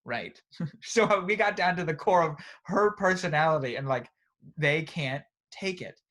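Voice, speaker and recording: Young man, podcast co-host, fairly high voice, casual chat, animated storyteller, says "bro" a lot. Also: measured pace. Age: young adult. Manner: animated storyteller, often adds "right?" and "bro".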